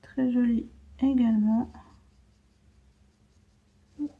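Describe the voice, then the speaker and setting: A fairly high-voiced young woman talks unhurriedly through a creative vlog. She narrates each step as she unboxes and tries out paints, dropping small asides to her viewers. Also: steady tone, very slow, phone-quality sound. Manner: chatty, narrates her own hands-on work with little asides. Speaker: art vlogger. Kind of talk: casual chat while unboxing and swatching paints.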